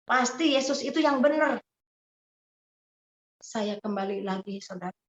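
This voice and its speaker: Animated woman telling a personal testimony. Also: on the high side, a little slow. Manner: animated storytelling, acts out quoted voices, addresses listeners as "Saudara". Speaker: testimony speaker. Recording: echoey, dull lo-fi recording.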